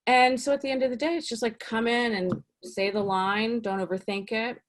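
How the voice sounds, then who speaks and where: A woman talking as a casting director in a casual interview, chatty and animated, full of "you know" and "like". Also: a little fast. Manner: lively, swings up in pitch for emphasis.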